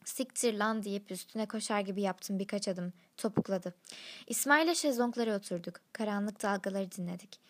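A woman's voice: mid-range voice, normal speed. A woman reading a first-person story aloud, in blunt, slang-laden narration.

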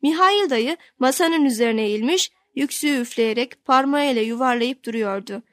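Woman audiobook narrator, higher voice, dry close sound, steady first-person storytelling. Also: moderate pace, no room sound. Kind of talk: scripted narration of a novel.

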